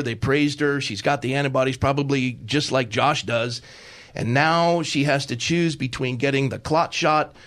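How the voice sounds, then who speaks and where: With a mid-range, fairly bright voice, a middle-aged talk radio host preaches fervently and pastorally, looping back over his words in quick bursts.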